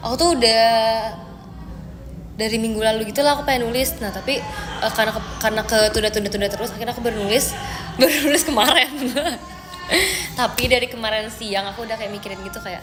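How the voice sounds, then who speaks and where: A young woman with a fairly high voice chats casually to her live-stream viewers, answering their comments in a loose, rambling way full of fillers. Her voice trails into a long reverb, and music plays clearly underneath. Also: steady tone, fast. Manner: chatty, reads viewer comments, filler-heavy. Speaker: idol group member streaming live.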